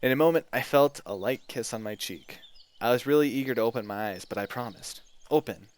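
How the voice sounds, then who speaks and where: A man's voice: medium pitch, a little fast, clear, resonant tone. A man reading a visual novel aloud in a casual way, with small slips and restarts. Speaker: game reader.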